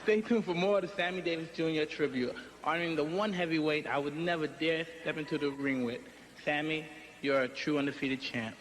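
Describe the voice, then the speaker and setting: A man reading a scripted tribute line aloud, stiff and deliberate. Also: on the high side, background noise.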